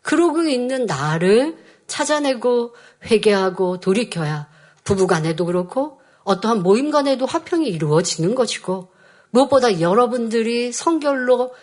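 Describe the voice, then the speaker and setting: A woman preaching a sermon, acting out quoted thoughts and arguments in a lively way. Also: a little high, normal speed. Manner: lively, acts out quoted inner thoughts and dialogue.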